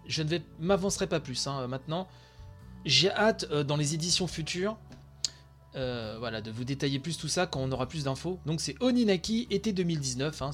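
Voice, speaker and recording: A worn-out man with a fairly high voice, giving live commentary on a game showcase for his podcast. His talk is chatty and full of hesitations, and it bursts into excitement. Faint music plays behind him. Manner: excitable, chatty, many fillers and asides. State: very tired. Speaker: podcast host. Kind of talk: live commentary of a video stream.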